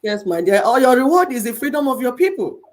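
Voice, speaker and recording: Speaking fast and very animated in a high register, this middle-aged Nigerian woman of Igbo background gives fervent commentary. She repeats and stresses her points like a preacher, in a Nigerian accent.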